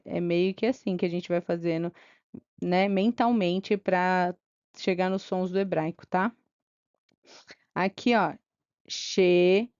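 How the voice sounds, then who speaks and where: A woman's voice: on the low side, darkish tone, clean tone, no room sound, dull audio. A woman teaching Hebrew reading, sounding out syllables one by one and checking in with her students. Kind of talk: slow reading lesson, syllable by syllable.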